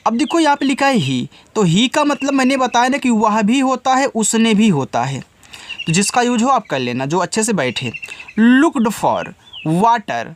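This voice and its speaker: A man's voice: very high voice, sing-song, a little slow, slight background noise. A man giving a casual spoken English lesson as a teacher, patient and repetitive, often asking his listeners questions. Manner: patient, repeats each step, often asks listeners directly.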